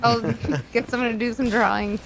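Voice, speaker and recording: A woman's voice: a little high, level tone, a little fast, gravelly, very noisy. A woman co-hosting a live stream, giggly and laughing often. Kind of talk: casual chat.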